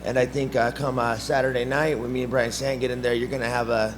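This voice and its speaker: A man's voice: medium pitch, flat delivery, fast talker. A man answering press questions as a fighter in a hesitant, diplomatic way. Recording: noisy press conference room.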